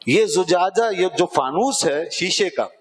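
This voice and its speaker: A male Islamic scholar giving a religious lecture, explaining a Quranic verse and slowing down to recite the Arabic, often asking questions and answering them himself. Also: high voice, animated, big-room sound, poor audio.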